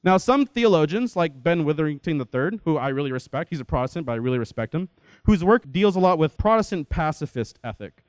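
A young adult man giving a lecture-style talk in a lively, conversational way, often checking in with his listeners. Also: on the high side, a little fast, smooth, no room sound. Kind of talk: lecture to an audience.

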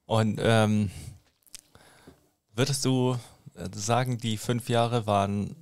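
A man's voice: lowish voice, steady tone, takes it slowly, gravelly, a little mellow, smooth, no room sound. A man hosting a casual podcast, asking long questions with lots of hesitant fillers. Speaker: podcast host.

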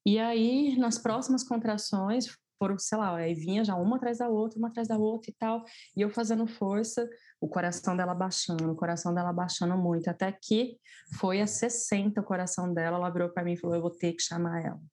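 Warm-voiced woman telling a story emphatically. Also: mid-range voice, steady tone, fairly quick. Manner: emphatic, repeats words for stress. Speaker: interview guest. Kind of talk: casual personal storytelling.

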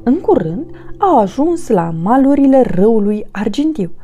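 A woman reading a children's story aloud with a lively, expressive delivery. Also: on the high side, highs cut off. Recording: faint background music.

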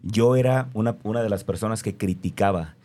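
A man's voice: fairly low pitch, a little fast, mellow. A man with a Mexican accent speaking earnestly in a reflective conversation, stressing his points by repeating them.

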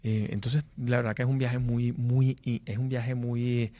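A man's voice: mid-range voice, flat delivery, unhurried, dark tone, no echo. A man giving a motivational business talk, telling anecdotes with many fillers and restarts. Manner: storytelling, frequent fillers and restarts. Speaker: business speaker.

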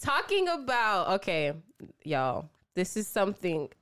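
A woman's voice: medium pitch, big pitch swings, unhurried, a bit bright. A woman co-hosting a podcast in casual chat, teasing and steering the talk with questions. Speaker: podcast co-host.

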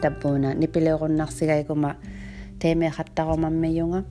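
A woman's voice: sits low, level tone, a little fast, mellow, faint music behind. A woman from Nunavut with an Inuit accent, a native Inuktitut speaker, hosting an informal podcast in a hesitant, thinking-aloud manner. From Iqaluit, Nunavut, Canada. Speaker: podcast host. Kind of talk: informal solo podcast introduction.

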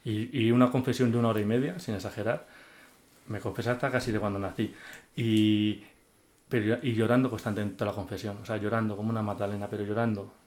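A man's voice: on the low side, fairly even intonation, quick pace, darkish tone. Earnest man telling his faith story. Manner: earnest and heartfelt, with many restarts and repeated words. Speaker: guest giving a faith testimony. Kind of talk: emotional personal testimony in an interview.

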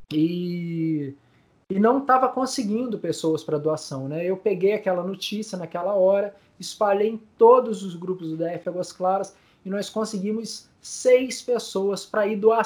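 Tearful high-voiced man. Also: darkish tone. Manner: tearful, voice breaking with emotion; many fillers, repeats words. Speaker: guest, community news group founder. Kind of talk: emotional storytelling in interview.

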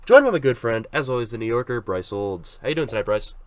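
A man's voice: mid-range voice, sing-song, fast, dry recording. A young man from Massachusetts hosting a casual sports podcast, rambling with lots of fillers and restarts. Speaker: podcast host.

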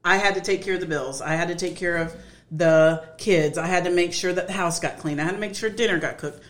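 A woman co-hosting a casual podcast chat, animated, laughing often and acting out what others say. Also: lowish voice, brisk. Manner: animated, laughs often, acts out quoted voices. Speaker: podcast co-host.

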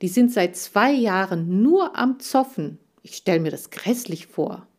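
A woman voicing an affectionate young schoolgirl who speaks warmly and earnestly. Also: medium pitch, lively intonation, unhurried. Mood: heartfelt. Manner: warm, heartfelt. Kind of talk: audiobook character voice.

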